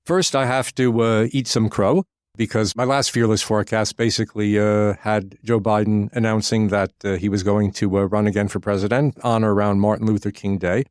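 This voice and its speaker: A man co-hosting a political podcast, talking in a measured way with frequent pauses. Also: lowish voice, steady tone, darkish tone, smooth, dry recording, studio quality. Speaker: podcast co-host.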